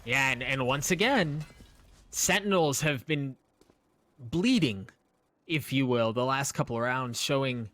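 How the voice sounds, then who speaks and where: A man's voice: medium pitch, a little slow, fairly bright tone. A man working as an esports caster, giving live play-by-play commentary on a game as it unfolds. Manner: esports caster delivery, calling plays as they unfold.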